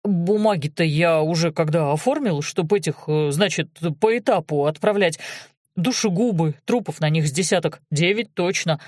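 Woman voicing frightened male guard, pleading, wailing, slow and loud, dry sound. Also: on the low side, dry recording, natural voice. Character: timid, fearful male provincial guard. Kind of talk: audiobook character voice.

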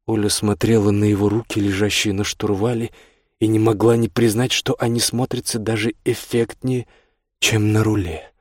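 A male narrator reading a novel aloud in a steady, even manner. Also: fairly low pitch, normal speed, dry recording, clean studio sound. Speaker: audiobook narrator. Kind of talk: audiobook narration.

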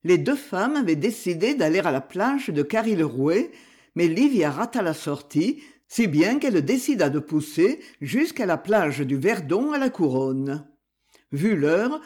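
A woman narrating a novel in a measured, expressive reading. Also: lowish voice, breathy edge. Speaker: audiobook narrator. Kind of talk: scripted narration.

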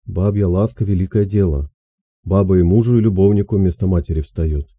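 In a clean, echo-free studio recording, a man with a low, warm voice and brisk pace performs an audiobook character. He plays a gentle, wise older peasant woman offering soothing, homely advice.

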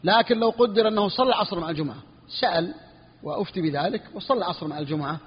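Male sheikh giving a lesson, bit high husky voice, says everything twice. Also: lively intonation. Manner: repeats each phrase slowly for students; clears his throat now and then. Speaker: sheikh teaching Hanbali jurisprudence. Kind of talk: classroom lesson on a fiqh text. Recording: dull, lo-fi recording with long reverb.

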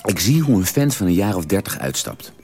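A man in a radio drama telling a long, detailed story at the dinner table in a measured, drily precise way. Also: low-pitched, big pitch swings, darkish tone. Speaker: character telling an anecdote at a family dinner.

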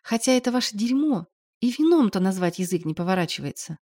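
A woman narrating an audiobook in a lively, expressive storytelling manner. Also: mid-range voice, quick pace.

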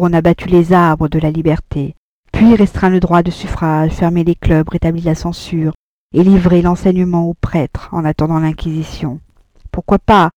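A woman's voice: fairly low pitch, warm tone, dry recording, close to an everyday voice. A woman voicing an earnest young working man who pleads and rails in despair, in an audiobook. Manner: pleading, agitated outbursts. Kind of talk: audiobook dialogue.

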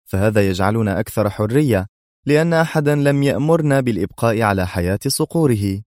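A man voicing a cool, sarcastic male secret agent who talks with calm, mocking ease. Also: fairly low pitch, fast, no room sound, studio quality, voice pushed up, natural voice.

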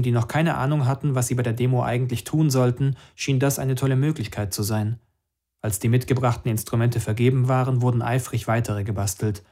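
Man narrating a story steadily. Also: mid-range voice. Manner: steady, first-person storytelling. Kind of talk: audiobook narration.

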